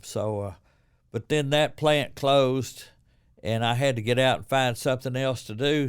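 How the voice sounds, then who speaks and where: A man's voice: medium pitch, clear, resonant tone. An older man with a Texas accent and cowboy twang, telling stories casually as an interview guest.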